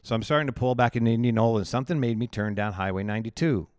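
A man's voice: mid-range voice, racing, no room sound, studio quality. A male pastor telling his life story in an interview, candid and chatty, often laughing at himself.

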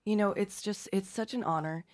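A woman's voice: medium pitch, moderate pace, dry recording. A woman hosting a radio show in a conversational style. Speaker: radio host.

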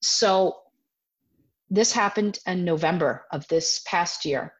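A self-defense teacher in her forties tells a personal story during an interview, speaking animatedly and slipping into voiced quotes of herself. Her voice is lowish and her pace slow, and the audio is dull and lo-fi.

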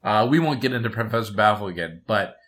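A man co-hosting a podcast, chatting casually about a cartoon episode in a halting way, full of fillers and restarts. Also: on the low side, lively intonation, fairly bright tone. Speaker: podcast co-host.

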